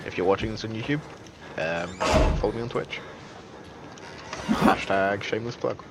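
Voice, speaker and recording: A man's voice: on the low side, moderate pace, vocal fry, very noisy. A man giving casual, joking gameplay commentary as a streamer, chatty and self-deprecating with lots of fillers. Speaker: game streamer.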